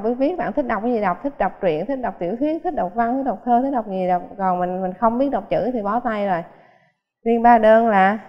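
A woman giving a relaxed piano lesson, chatting freely and counting beats aloud as she explains. Her voice sits at a middle pitch. The sound is dull and muffled, and it rings with a long hall echo. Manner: chatty, explains with counting aloud and everyday comparisons, many fillers. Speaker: piano teacher. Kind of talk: casual spoken music lesson.

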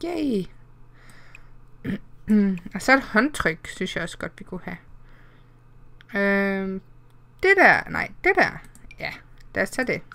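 A woman's voice: medium pitch, sing-song, pauses often, fairly bright tone. A woman in her twenties giving casual, chatty commentary while playing a life-sim game, giggling and cheering at small wins. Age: 20s. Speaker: let's play host.

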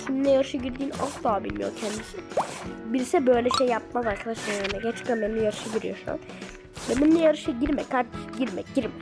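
High-voiced excitable woman gaming host. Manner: chatty and excitable, keeps addressing viewers. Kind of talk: casual game commentary to viewers. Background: background music.

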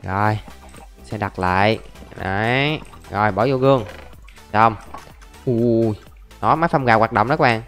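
A man's voice: on the low side, unhurried, pauses often, a bit bright. Chatty young man narrating his gameplay. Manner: chatty, narrates each step, often calls out to viewers. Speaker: gaming YouTuber. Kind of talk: casual Let's Play commentary. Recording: faint background music.

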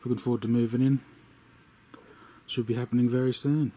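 Outdoors in bushland and a work shed, a man casually narrates his off-grid building project. Relaxed and easygoing, he fills his talk with lots of ums and yeahs, his medium-pitched voice brisk over heavy background noise.

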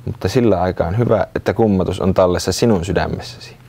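A man's voice: low voice, vocal fry, husky, heavily acted. A man voicing Sisu, a small touchy creature who speaks curtly. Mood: sulky. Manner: curt, sulky, then shyly warm.

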